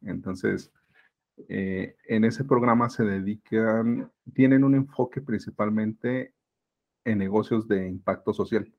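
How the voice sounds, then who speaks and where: A man's voice: on the low side, slow, highs cut off. A man from Mexico City with a Mexican accent, a podcast guest who talks in a reflective, hesitant way with many fillers. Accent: Mexican Spanish. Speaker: podcast guest, business mentor. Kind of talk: casual conversation.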